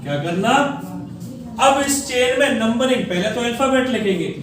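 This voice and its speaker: High-voiced male teacher in echoey classroom. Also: expressive, moderate pace, crowd noise. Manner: call-and-response questioning, repeats key words. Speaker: chemistry teacher. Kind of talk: classroom lecture at a board. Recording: echoey room from far off.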